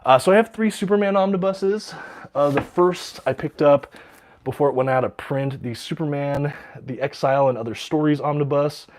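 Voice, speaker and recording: Guy chatting on his livestream, excited, lots of ums, bit out of breath with a cold. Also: on the high side, normal speed, a little hiss or hum. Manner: enthusiastic, many ums and uhs, reads out viewer questions. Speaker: livestream host showing his comic collection. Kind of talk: casual livestream chat.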